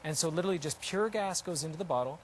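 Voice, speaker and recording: In an unscripted live demo, a man explains his own invention step by step, repeating points emphatically. His voice is on the high side and he talks at a racing pace, with slight background noise.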